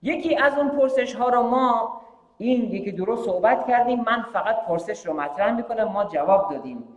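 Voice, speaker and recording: A man's voice: high voice, expressive, roomy sound, big-room sound, highs cut off. A man preaching a sermon, asking rhetorical questions and repeating phrases. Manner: rhetorical questions, repeated phrases, shifts between Persian and English. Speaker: preacher hosting a live-streamed majlis. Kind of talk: sermon with announcements.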